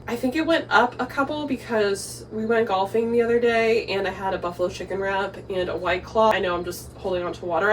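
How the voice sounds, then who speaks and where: A woman's voice: medium pitch, poor audio. A woman vlogger with a mid-range voice talks casually to the camera while under the weather. Her manner is informal and self-deprecating, and there is noticeable ambient noise around her. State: sick with a cold.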